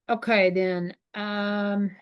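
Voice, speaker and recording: A woman presiding as judge in a courtroom recording, speaking plain procedural language in an informal, halting way. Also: medium pitch, steady tone, smooth, muffled recording. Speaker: judge presiding over a hearing. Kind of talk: plain procedural speech from the bench.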